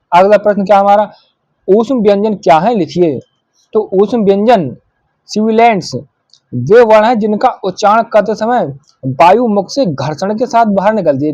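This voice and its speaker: A man's voice: high-pitched, a little mellow, no echo, dull audio. A male teacher working through an exam paper, asking himself questions and answering them. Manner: asks and answers his own questions. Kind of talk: exam paper walkthrough lesson.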